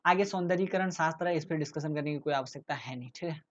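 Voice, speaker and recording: A man's voice: fairly high pitch, quick pace. Man tutoring casually, dull lo-fi sound. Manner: explains with rhetorical questions, often adds "ठीक है". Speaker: tutor explaining exam topics. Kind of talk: casual lecture.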